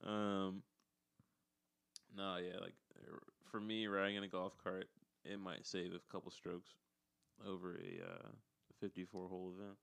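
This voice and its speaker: A man's voice: deep voice, expressive, normal speed, creaky, fairly bright tone, dry recording. A man co-hosting a casual podcast chat, teasing his partner bluntly and laughing often. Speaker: podcast co-host, golfer.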